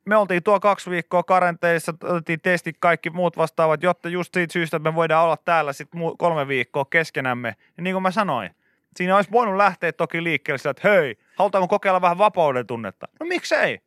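A man's voice: on the high side, fairly bright tone, smooth, no room sound, clean studio sound. A man hosting a morning radio show, bantering casually and teasing his co-host with bursts of laughter. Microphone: studio microphone.

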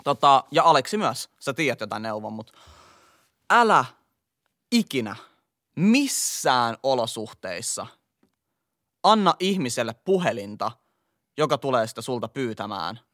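A man's voice: mid-range voice, sing-song, pauses often, a bit bright, no echo, studio quality. A man from Helsinki's eastern suburbs with a local slang accent, co-hosting a podcast and giving emphatic advice. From Finland. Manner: emphatic, lecturing tone. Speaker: podcast co-host. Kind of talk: casual chat, giving advice.

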